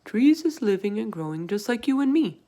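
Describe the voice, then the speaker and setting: A woman's voice: on the high side, very animated, normal speed, dark tone, voice pushed up. A woman voicing a big, friendly, earnest male giant in a storybook, speaking emphatically in quaint, muddled grammar. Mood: solemn, earnest. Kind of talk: storybook read-aloud character voice.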